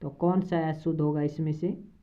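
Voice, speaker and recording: A woman teaching a Hindi spelling lesson for exam prep, slowly reading out options and repeating each word. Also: low-pitched, steady tone, mellow. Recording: tinny phone-like audio.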